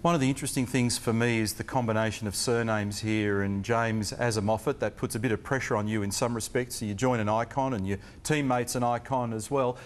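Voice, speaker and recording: A man's voice: mid-range voice, fairly even intonation, fairly quick, few pauses, a little hiss or hum. An Australian man hosting a televised motorsport interview, upbeat and joking as he presents. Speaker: TV motorsport host. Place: racing team workshop.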